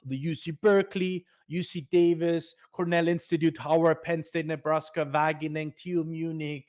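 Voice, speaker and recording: A man's voice: fairly high pitch, little pitch movement, normal speed, darkish tone. A man presenting career advice for a nonprofit foundation, speaking emphatically with many fillers and restarts.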